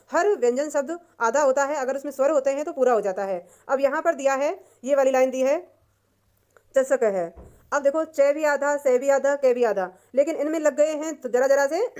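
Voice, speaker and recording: A woman teacher explaining a textbook lesson patiently, repeating and translating each word, clearing her throat now and then. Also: high-pitched, moderate pace, a little mellow.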